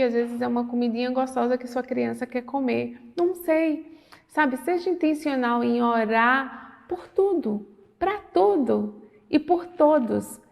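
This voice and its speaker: Gravelly-voiced woman teaching in an echoing room. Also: high voice. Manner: animated, re-enacts dialogue, earnest devotional tone. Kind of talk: lesson with personal storytelling.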